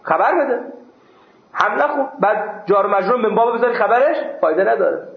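A man's voice: high-pitched, expressive, gravelly. A man teaching a seminary class, reading Arabic text aloud and explaining it with questions and the odd joke. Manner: explains by question and answer, jokes with students. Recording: dull echoey classroom recording.

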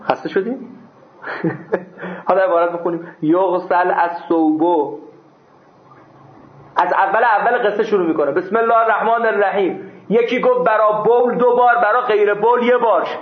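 A man teaching a seminary class, reading Arabic text aloud and explaining it with questions and the odd joke. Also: sits high. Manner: explains by question and answer, jokes with students. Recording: dull echoey classroom recording.

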